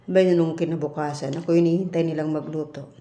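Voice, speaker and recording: Deep-voiced and quick-paced, a woman from the Philippines working abroad as a domestic worker tells a story bluntly in a casual vlog. She animates the quoted exchanges, acting out the arguments, in an echoey room.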